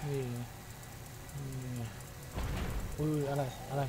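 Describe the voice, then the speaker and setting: A man's voice: very slow, loud music behind the voice. A man giving casual let's-play commentary, chatty, repeating words and exclaiming when startled. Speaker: gameplay streamer.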